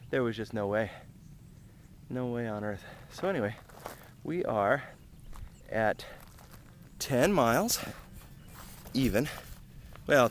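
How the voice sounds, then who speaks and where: Man, American accent, average pitch, casual vlog chat while running, tired, pausing delivery, noisy outdoor recording. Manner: talking while out on a long run, with pauses and breaks for breath. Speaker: running vlogger. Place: outdoors on rural roads. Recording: clear outdoor ambient noise.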